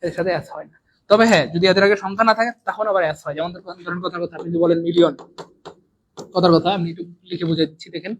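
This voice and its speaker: Animated high-voiced Bangladeshi Bengali teacher. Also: male voice, very fast, a little hiss or hum, low-quality recording. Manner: animated, repetitive, drills words, swings loud and soft. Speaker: exam prep teacher. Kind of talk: live online English lesson in Bengali.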